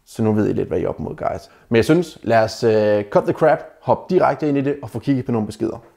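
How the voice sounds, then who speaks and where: A man's voice: mid-range voice, lively intonation, vocal fry, warm tone. A man giving casual dating advice to the camera, bluntly mocking the messages he critiques and calling his viewers guys. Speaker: dating advice video maker.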